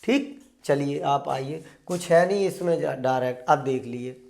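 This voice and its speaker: A man's voice: fairly high pitch, unhurried, vocal fry, darkish tone. A man teaching an online exam-prep class. He keeps asking his students questions, answers them himself, and calls them "beta".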